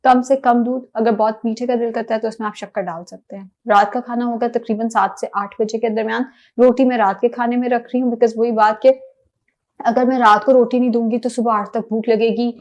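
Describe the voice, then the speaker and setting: A woman's voice: fairly high pitch, fairly even intonation, a little fast, darkish tone, highs cut off. A woman giving plain, step-by-step diet instructions, with English words mixed in. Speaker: diet planner.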